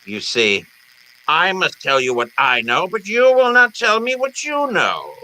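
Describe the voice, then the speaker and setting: An actor playing a pompous, scheming fat crime boss in an old-time radio drama, speaking in florid, elaborately courteous phrases. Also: male voice, a little high, wildly swooping pitch, a little slow, pushed and bright, exaggerated voice, poor audio. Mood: coolly courteous.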